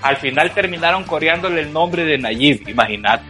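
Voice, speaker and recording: A man's voice: on the high side, normal speed, faint music behind. A man with a Salvadoran accent, co-hosting a podcast in crude, laughing casual banter. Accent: Salvadoran Spanish. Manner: profane, laughing, animated storytelling. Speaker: podcast co-host.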